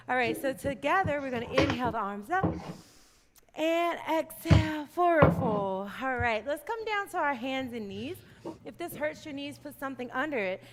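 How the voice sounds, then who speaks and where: A young woman leading a kids yoga class in a playful, upbeat way, laughing often. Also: high voice. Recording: long hall reverb.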